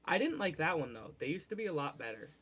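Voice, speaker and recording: A man's voice: on the high side, sing-song, fast talker, a bit bright, breathy edge. A man in his twenties chatting casually, explaining eagerly and laughing easily. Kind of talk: casual chat.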